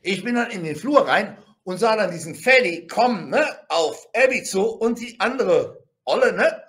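A man telling a rough anecdote in a casual, blunt way, full of crude slang, tag questions and sound effects. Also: sits high, animated, moderate pace, fairly bright tone. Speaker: storyteller.

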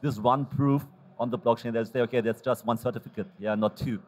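A man on a conference panel who keeps ending his points with a quick yeah. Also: mid-range voice, steady tone, a little mellow. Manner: tags sentences with yeah.

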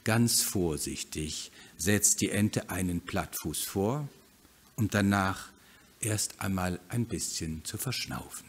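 A man reading his own children's story aloud at a live reading event, narrating in an expressive, dramatic, playful way. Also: low-pitched, slow, slightly rough.

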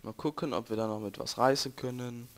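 A man's voice: medium pitch, steady tone, a little fast. A young man with a German accent, chatting and joking to viewers while playing a game. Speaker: let's play gamer. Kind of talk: casual gameplay commentary. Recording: noisy home recording.

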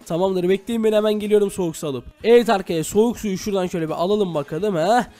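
Fast-talking high-voiced man. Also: warm tone, faint music behind. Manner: chatty, keeps addressing viewers. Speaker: YouTuber. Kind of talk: Minecraft role-play.

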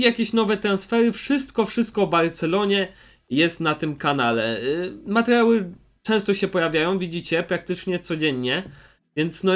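A young YouTuber with a noticeably high, slightly bright voice presents his recommended channels in a casual, unscripted way. He hesitates and rambles, often circling back to repeat what he's already said.

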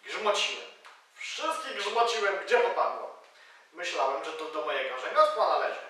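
A boastful but cowed robber whines and wheedles, as a man plays him on stage. His voice is high and bright. It echoes heavily and sounds far from the mic. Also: lively intonation, normal speed. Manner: whining, wheedling, begging. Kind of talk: stage reading of a play.

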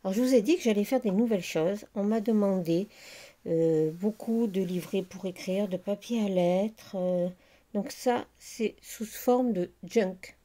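A middle-aged woman hosting a casual crafting video, chatty and unhurried with many fillers as she shows her handmade work. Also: mid-range voice, dark tone. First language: French. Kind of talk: casual crafting show-and-tell.

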